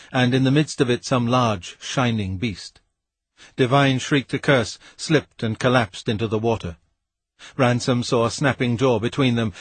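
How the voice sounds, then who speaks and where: A man reading a novel aloud as an audiobook narrator, in a measured, steady way. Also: mid-range voice, breathy edge, no echo. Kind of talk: scripted narration.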